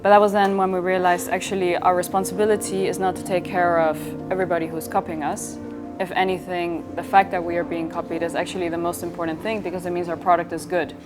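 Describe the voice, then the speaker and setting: A Swiss woman with a lowish voice speaks fast and flatly, barely pausing. Interviewed as a company founder, she tells stories casually and conversationally, quoting imagined dialogue, with clear background music in the recording.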